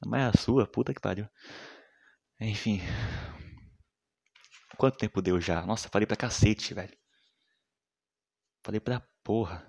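A young man rambling in a casual, slangy monologue full of swearing, often trailing off quietly. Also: on the low side, a little slow, creaky, long pauses.

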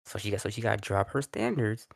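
Low, gravelly man rambling on a podcast. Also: very animated, no echo, clean studio sound. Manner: rambling, halting, repeats words. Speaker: podcast co-host. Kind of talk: casual chat.

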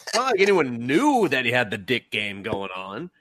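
A man's voice: mid-range voice, wildly swooping pitch, normal speed, a bit bright, dry recording. A man in his thirties hosting a podcast in casual chat, joking around and slipping into silly voices. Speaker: podcast host.

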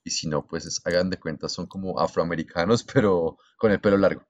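A man's voice: deep voice, fairly quick, dry recording, lo-fi sound. A young adult man with a Colombian accent, telling a story in casual chat with crude slang.

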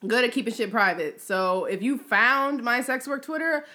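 A woman's voice: on the high side, lively intonation, moderate pace, pushed and bright. Frank, laughing woman in casual chat. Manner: frank and profane, laughs often, pace shifts. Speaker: podcast guest sharing her work.

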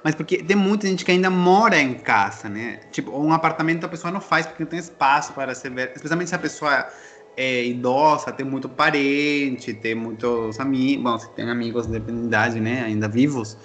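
A man in casual chat, explaining things in a relaxed way with hesitant restarts. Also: medium pitch, moderate pace, a little hiss or hum.

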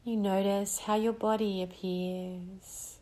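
A woman leading a guided breathing meditation, speaking in a slow, soothing way with long pauses between phrases. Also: mid-range voice, little pitch movement, darkish tone.

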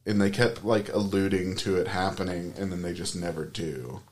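Low-voiced man riffing on a movie. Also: steady tone, normal speed. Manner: rambling, profane, mocking asides. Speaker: podcast co-host. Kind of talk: casual movie-review chat.

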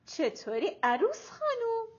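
A woman reading an audiobook, voicing a playful young woman who speaks in a high, drawn-out, teasing way. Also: huge pitch swings, full character voice. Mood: sing-song. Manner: bright, drawn-out, playful delivery. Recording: dull lo-fi audiobook recording.

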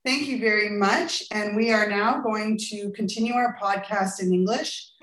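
A woman's voice: medium pitch, normal speed, fairly bright tone. A woman with an Acadian accent, hosting a podcast interview and putting questions to her guest. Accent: Acadian French. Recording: roomy, echoing sound.

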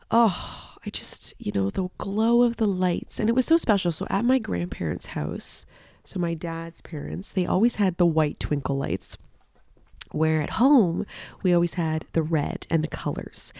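Gravelly, dark-voiced woman, near tears. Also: low voice, dry recording, studio quality. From Canada. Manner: nostalgic, tearful, rambling with many fillers. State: close to tears. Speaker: podcast host. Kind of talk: emotional personal monologue.

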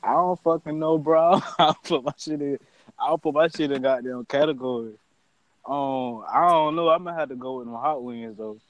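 A man with an American accent chatting casually as a guest, unsure and halting, with slang and swearing. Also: on the high side, dry recording, lo-fi sound. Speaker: podcast guest.

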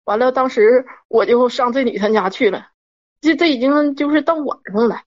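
A woman's voice: high-pitched, moderate pace. Woman in her 40s, rambling and worked up, repeats stuff, muffled lo-fi sound. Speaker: caller. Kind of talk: telling a personal story. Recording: dull lo-fi audio.

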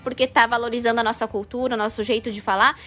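A woman's voice: a little high, steady tone, fast, pushed and bright. A Brazilian woman who teaches English, laying out her reasoning earnestly in a casual chat. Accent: Brazilian Portuguese.

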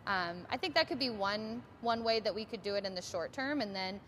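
A woman's voice: medium pitch, lively intonation, brisk, a bit bright, slight background noise. Young woman, chatty and filler-heavy. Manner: casual, many ums and you-knows. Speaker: tennis coach. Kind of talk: interview answers.

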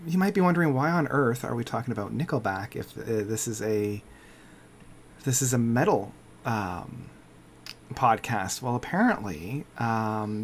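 A man from Canada co-hosts a relaxed, casual podcast in a halting, unhurried way. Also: mid-range voice, slight background noise. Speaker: podcast co-host.

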